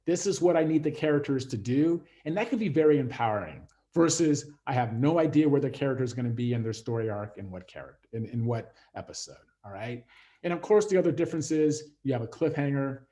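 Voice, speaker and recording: A man's voice: on the high side, dark tone. A man teaching a masterclass on series writing, talking conversationally with many fillers and restarts. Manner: acts out quoted voices. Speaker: instructor.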